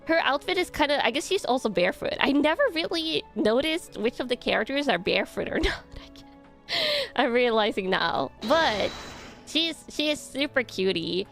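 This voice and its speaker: A young woman talks through her ranking in loose, rambling commentary, full of fillers and quick giggles. Her voice sits a bit high, with soft music playing quietly behind. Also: expressive, vocal fry. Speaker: content creator. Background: soft background music.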